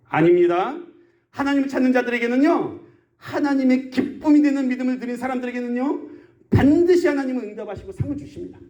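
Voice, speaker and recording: Lively, high-voiced preaching pastor. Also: male voice, quick pace. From South Korea. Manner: animated preaching with questions to the congregation. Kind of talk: sermon. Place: rural church.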